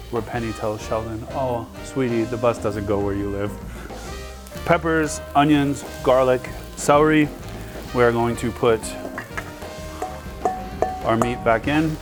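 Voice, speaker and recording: Casual home-cook host, forties, rambling and chatty, sizzling pan and clear music under the voice. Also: male voice, medium pitch. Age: 40s. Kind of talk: casual cooking chat.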